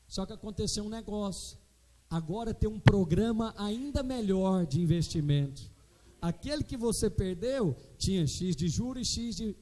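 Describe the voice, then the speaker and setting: A man's voice: high voice, warm tone. A middle-aged man with a Brazilian Portuguese accent preaching a sermon as pastor, calling out to the congregation for responses.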